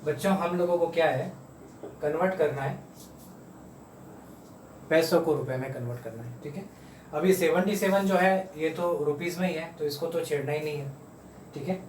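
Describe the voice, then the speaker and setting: Man, math teacher, patient, slow repetition, slightly high voice, off-mic, faint background hum. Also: a little mellow, reverberant, distant mic, poor audio. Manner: patient, repeats numbers slowly. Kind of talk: home math lesson for kids. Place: room at home.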